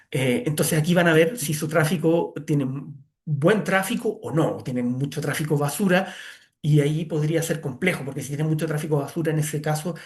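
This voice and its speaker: A man's voice: fairly high pitch, darkish tone. A man giving a screen-share tutorial as an online course instructor, talking conversationally with many "eh" fillers.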